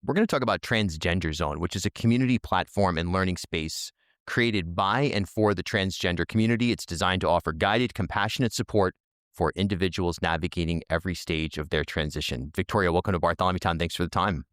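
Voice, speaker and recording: A man's voice: low voice, a little fast, fairly bright tone, clear, resonant tone, no room sound, clean studio sound. A man hosting a podcast interview, asking questions conversationally and often restarting his words. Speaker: podcast host.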